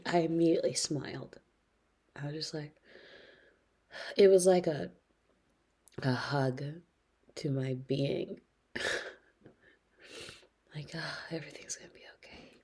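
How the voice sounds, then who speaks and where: A woman in her late twenties talking slowly and reflectively in a personal video diary, hesitant, her husky voice often sinking to a whisper. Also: low-pitched. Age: 20s. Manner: slow, reflective, hesitant, with soft laughs. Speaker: vlogger.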